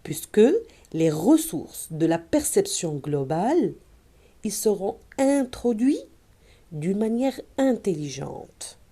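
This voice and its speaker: A woman teacher walking parents through an early reading lesson, modeling vowels and words slowly for children. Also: on the low side, mellow.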